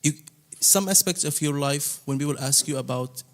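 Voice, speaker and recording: A man's voice: a little high, normal speed. Earnest man speaking on a panel. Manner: earnest, slightly broken phrasing. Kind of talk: panel discussion.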